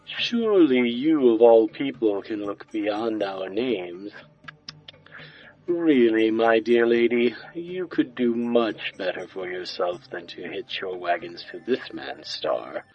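[name], a man voicing a slow-talking, flirtatious crystal spirit. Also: fairly low pitch, expressive, lo-fi sound, soft background music. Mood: suave, flirtatious. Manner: flirtatious, smooth-talking, sly. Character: suave disembodied male spirit voice from a crystal. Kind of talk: audio drama acting.

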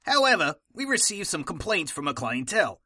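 A man's voice: on the high side, very animated, a little fast, sharp tone, breathy edge, no room sound, studio quality, full character voice. A man playing an affable henchman officer. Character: friendly male henchman union officer. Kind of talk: comedic audio drama.

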